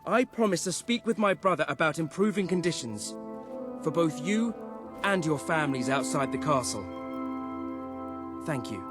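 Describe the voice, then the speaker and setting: Game role: reasonable young royal , male actor, lighter high-ish voice, animated yet formal and earnest. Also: normal speed, long pauses, lightly acted. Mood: earnest resolve. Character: sincere, reasonable young prince addressing subjects. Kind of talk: video game voice acting. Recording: background music.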